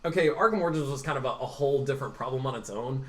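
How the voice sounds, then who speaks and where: A man's voice: medium pitch, racing, fairly bright tone. A man co-hosting a casual gaming podcast, rambling through his opinions with a lot of "like" and "you know". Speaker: podcast co-host.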